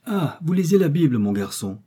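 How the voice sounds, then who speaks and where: Man reading as kindly old squire, mellow, slightly husky, audiobook. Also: on the high side, very animated, normal speed, pitched above the performer's own voice, full character voice. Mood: doting. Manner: warm, doting. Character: fond old English country gentleman.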